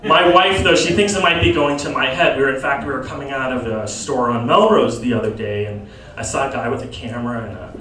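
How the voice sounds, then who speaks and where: Stand-up comic in an echoey lounge. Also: male voice, brisk, crowd noise. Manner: deadpan asides, jumps to high-pitched voices when quoting people. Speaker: stand-up comedian. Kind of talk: stand-up comedy set. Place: comedy lounge. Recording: very echoey room, from far off. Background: audience laughter.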